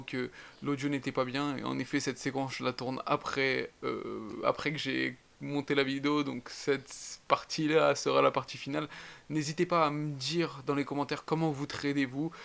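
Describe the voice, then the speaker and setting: A man's voice: medium pitch, creaky, fairly bright tone. A man hosting his own channel, explaining trading charts in clipped, list-like phrases with casual interjections. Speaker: trading educator and channel host.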